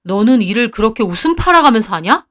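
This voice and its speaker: A woman's voice: a little high, big pitch swings, fast talker, fairly bright tone. A woman voicing a jealous, moody young boyfriend in a storybook-style drama, talking curtly and sulkily. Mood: angry. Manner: curt, sulky, then wheedling.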